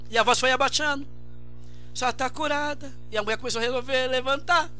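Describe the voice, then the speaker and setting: A man with a Brazilian Portuguese accent preaching a radio sermon with passion, at times shouting repeated phrases. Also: very high voice, dry recording. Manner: impassioned preaching with shouted repetitions. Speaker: pastor.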